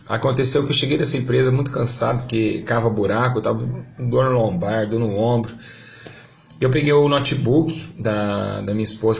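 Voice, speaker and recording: A man's voice: medium pitch, creaky. A man with a Brazilian Portuguese accent, a pastor telling a fervent testimony, his voice rising when he recounts his prayers. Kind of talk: testimony preaching. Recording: dull lo-fi recording.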